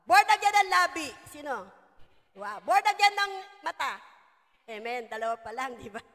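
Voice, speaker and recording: A middle-aged woman pastor preaching a lively sermon, switching between Tagalog and English and calling out to the congregation. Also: sits high, normal speed. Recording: reverberant church hall.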